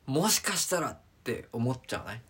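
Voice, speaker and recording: A man's voice: mid-range voice, big pitch swings, brisk, fairly bright tone, husky. A man co-hosting a casual podcast, earnest and musing, with a self-mocking streak. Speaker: podcast co-host. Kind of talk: casual chat.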